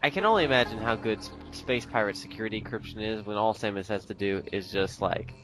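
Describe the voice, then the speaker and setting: A man's voice: on the low side, fast, music in the background. Chatty man commenting on gameplay. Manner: chatty, playful, joking asides. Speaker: let's play commentator.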